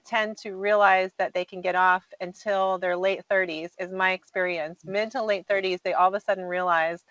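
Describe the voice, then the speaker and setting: A woman host speaks in a measured, reflective way, agreeing and adding her own thoughts. Her voice has a mid pitch. The sound is dry and a bit dull, like a lo-fi mic. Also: fairly even intonation, fairly bright tone, dry recording. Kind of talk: conversational interview.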